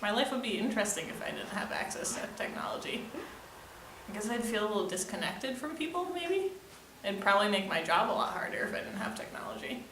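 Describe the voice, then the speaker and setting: A woman's voice: medium pitch, animated, fast, far from the mic. A woman in her twenties, a PE teacher, answering interview questions in a casual, rambling way with fillers. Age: 20s. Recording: echoey room, faint noise.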